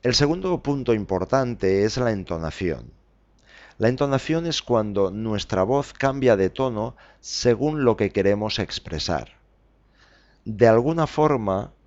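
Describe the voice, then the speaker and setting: A man hosting a podcast lesson, slowly spelling out letters and examples with frequent fillers. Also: fairly low pitch, animated, darkish tone, highs cut off. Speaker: Spanish teacher podcast host.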